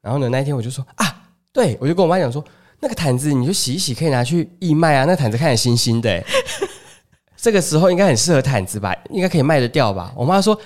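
A podcast co-host with a Taiwanese Mandarin accent talks fast and animatedly in a slightly mellow, mid-range voice. Chatting casually, he tells family stories and acts out the relatives' dialogue himself.

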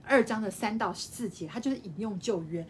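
A woman teaching a live-streamed Bible study, explaining by repeating her phrases and tagging sentences with a soft "ha". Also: mid-range voice, fairly quick, a little hiss or hum.

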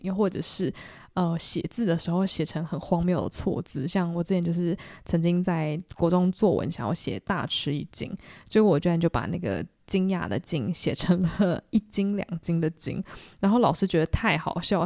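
A young woman from Taiwan with a Taiwanese Mandarin accent, hosting a podcast and telling self-mocking stories in an animated way. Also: lowish voice, dry recording, studio quality. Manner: animated, self-mocking, acts out quoted lines. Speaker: podcast host. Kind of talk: solo storytelling chat.

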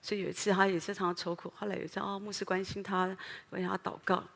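A middle-aged woman pastor with a Taiwanese Mandarin accent, preaching an earnest, animated sermon full of fillers and rhetorical questions. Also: mid-range voice, fast talker, gravelly. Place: church sanctuary. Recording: long hall reverb.

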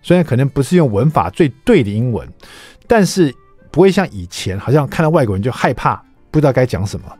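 A middle-aged man with a Taiwanese Mandarin accent, hosting a radio show and chatting through an animated story. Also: mid-range voice, fast, breathy edge, dry recording, soft background music. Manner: animated, chatty, acts out quoted lines. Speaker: radio host. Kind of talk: casual storytelling monologue. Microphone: studio microphone.

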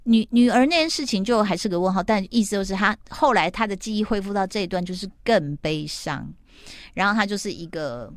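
A woman's voice: mid-range voice, expressive, fairly quick, dry recording, clean studio sound. A middle-aged woman host in casual chat, animatedly retelling a TV plot and acting out the quotes.

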